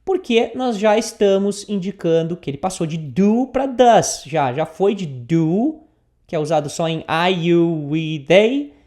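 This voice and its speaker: Brazilian woman teaching english basics, lowish warm voice, lots of tá and né. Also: expressive. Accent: Brazilian Portuguese. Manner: drills phrases slowly, has the learner repeat, peppers with "tá?" and "né?". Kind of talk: beginner English lesson.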